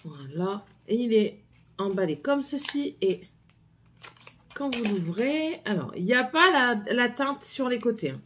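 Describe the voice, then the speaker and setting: A woman's voice: a little high, sing-song, unhurried, a bit bright, slight background noise. A middle-aged woman with a French accent, chatting casually through a haul video with many hesitations and repeats. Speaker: vlogger.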